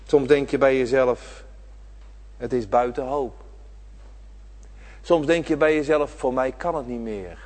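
A middle-aged pastor preaching a sermon, swinging between soft talk and loud, drawn-out emphasis. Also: male voice, medium pitch, big-room sound. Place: church hall.

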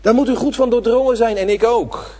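Husky preacher in echoing church. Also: male voice, very high-pitched, brisk. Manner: dramatic swings between loud and hushed; addresses the congregation directly. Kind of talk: sermon. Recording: reverberant church hall.

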